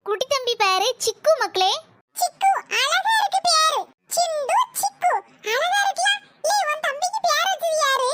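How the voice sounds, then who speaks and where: Squeaky chipmunk cartoon villagers. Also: expressive, moderate pace. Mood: excited chatter. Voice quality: squeaky, sped-up sounding. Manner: chatty, calls to family and viewers. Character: chipmunk-pitched cartoon village mothers and kids. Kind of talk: cartoon voice acting. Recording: noisy cartoon soundtrack.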